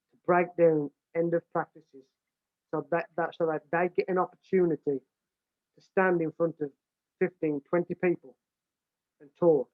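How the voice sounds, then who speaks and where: A British American football coach from the United Kingdom gives casual explanations in a big, plain-spoken voice that is a little high, restarting and repeating words often. The sound is dry, thin, and tinny like a phone line, with no echo.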